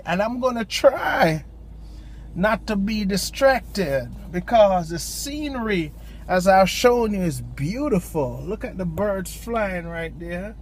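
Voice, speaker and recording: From a parked car, a lay preacher with a strong Jamaican accent gives an informal devotional talk at medium pitch. The delivery is halting, with frequent pauses and restarts, and the voice lifts when reciting scripture.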